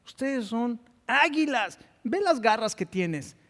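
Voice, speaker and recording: A man with a Mexican accent voicing a wise old male owl who speaks calmly and instructively. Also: very high-pitched, slow, in a large hall, pitched above the performer's own voice, heavily acted.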